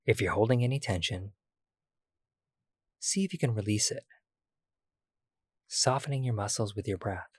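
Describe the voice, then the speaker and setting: A man leads a calm body-scan meditation in a soft, breathy voice. His pitch sits low and he leaves long pauses between phrases. The recording is dry and close, with no room sound. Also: dry recording. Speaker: meditation guide.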